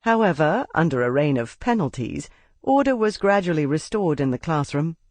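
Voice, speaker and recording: A woman audiobook narrator reading a classic novel in a measured, expressive storytelling manner on a close studio mic. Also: low voice, dry recording. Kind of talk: scripted literary narration.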